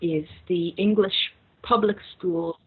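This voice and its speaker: Slow and steady, with a fairly low pitch and a breathy edge, a woman builds her argument point by point during a relaxed debate over drinks at a bar. The recording is dull and lo-fi.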